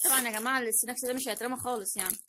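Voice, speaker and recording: Her voice is a little high and very fast, with fairly even intonation. This young Egyptian Arabic-accented vlog host keeps her unboxing challenge chat casual and playful, and the noisy home audio picks up crinkling packets.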